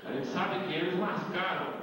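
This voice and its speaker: With a high voice and a moderate pace, a middle-aged man with a Brazilian Portuguese accent lectures as an invited speaker at a debate event, laying out ideas step by step and tagging them with rhetorical questions. He speaks on a handheld mic in an indoor meeting hall. The echoey recording, filmed by a far camera, comes from a noisy background.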